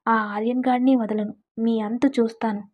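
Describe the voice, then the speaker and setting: A woman's voice: a little high, level tone, moderate pace, close to an everyday voice. A woman voicing a bitter, jilted young man in a storybook romance, talking in a threatening way, on a dull lo-fi recording.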